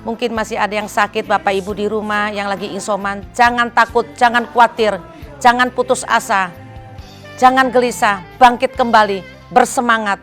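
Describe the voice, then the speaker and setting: A woman's voice: on the high side, fairly even intonation, normal speed, fairly bright tone, faint music behind. Heartfelt Indonesian woman testifying. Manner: emotional, heartfelt storytelling, pleading in recalled prayer. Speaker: church member giving testimony. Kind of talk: personal testimony.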